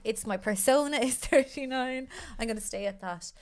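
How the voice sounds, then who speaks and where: A woman's voice: fairly high pitch, normal speed, a little mellow. Woman, late 30s, stand-up comic, dry teasing co-host. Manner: dry teasing banter, laughs often. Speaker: comedian co-host. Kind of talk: casual comedic chat.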